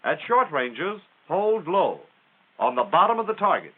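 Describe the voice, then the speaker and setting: An American man narrates a 1940s military instructional film in a plain-spoken, folksy style with highly animated intonation and an unhurried pace. The sound is thin, tinny, and band-limited, typical of a vintage 1940s film soundtrack.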